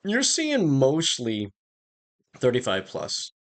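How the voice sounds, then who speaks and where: A man co-hosting a casual game recap show, chatty and self-deprecating, his voice a little gravelly from being under the weather. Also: medium pitch, wildly swooping pitch, slow pace. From Pacific Northwest of the US. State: sick, slightly gravelly voice. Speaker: co-host. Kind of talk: casual chat.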